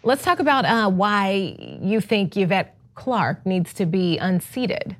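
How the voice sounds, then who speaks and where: A woman's voice: medium pitch, slow, background noise. A woman filling in as host, asking a political candidate upbeat questions with a few hesitant restarts. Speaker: fill-in show host. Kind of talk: political interview.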